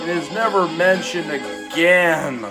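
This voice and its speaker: A man's voice: fairly high pitch, slow pace, over loud music. A young man reviewing a film in a casual, blunt, complaining way.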